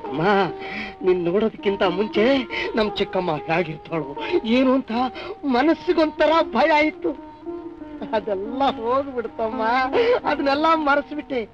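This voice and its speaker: An earnest young son who speaks in a lower, steady voice. He sounds tender and devoted, with a firm edge underneath. The recording is a dull vintage film track with clear music behind. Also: moderate pace, pauses often. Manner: earnest, tender, then stern. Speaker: grown son. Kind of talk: 1960s film acting.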